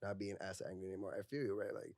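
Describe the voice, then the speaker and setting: Talking openly on a podcast, a young adult counselor from Puerto Rico comes across as gentle and thoughtful, with plenty of "like" and "you know." His voice sits low, his intonation stays fairly even, and he speaks rapid-fire. It's a dry, studio-quality recording.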